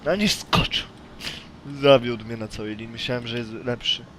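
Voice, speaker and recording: A man's voice: mid-range voice, fairly even intonation, normal speed, background noise. A young man commentating a horror game, joking around and shrieking and pleading when scared. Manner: jokey, easily startled, shrieks and pleads. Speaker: gaming YouTuber.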